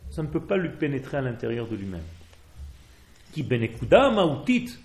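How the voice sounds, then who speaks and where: A rabbi from Israel, whose first language is Hebrew and who has an Israeli accent, fervently exhorts a Torah class. His mid-range voice is very animated and moves at a moderate pace, with a roomy sound.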